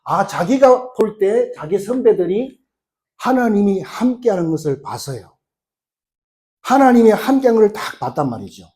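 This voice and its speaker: A middle-aged man preaches a sermon and acts out the dialogue as he tells the story. His voice sits high and swings widely in pitch. The tone stays mellow and unforced. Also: moderate pace. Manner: animated storytelling, acting out the quoted lines. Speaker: pastor.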